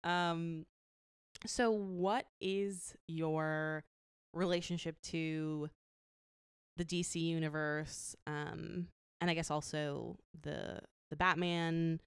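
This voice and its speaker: A woman's voice: deep voice, smooth, no room sound, studio quality. A woman co-hosting a casual movie chat, chatty, with many fillers and restarts. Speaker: podcast co-host.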